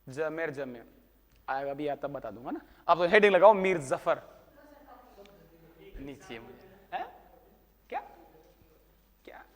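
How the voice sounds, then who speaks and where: A man teaching a classroom lesson, his voice pitched fairly high. He teases his students and keeps asking questions before answering them himself. The room gives his voice a long, ringing reverb. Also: a bit bright. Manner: teasing, talks to students by name. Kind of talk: classroom history lecture.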